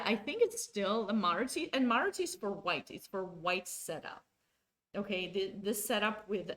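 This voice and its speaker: Her voice sits on the low side with a fairly bright tone as she chats with viewers during live chess commentary. The Romanian woman, whose first language is Romanian, often restarts her sentences and corrects herself.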